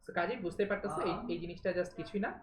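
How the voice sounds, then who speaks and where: A woman's voice: lowish voice, very fast, reverberant, noisy background. A woman teaching math in a live online class, talking informally, mixing in English words and often checking that students follow. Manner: mixes English words into speech.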